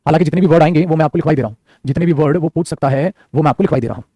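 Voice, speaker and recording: Rapid male teacher. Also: fairly high pitch, mellow, slightly rough, no echo. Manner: rapid, repeats phrases, calls students "beta". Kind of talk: online English vocabulary class.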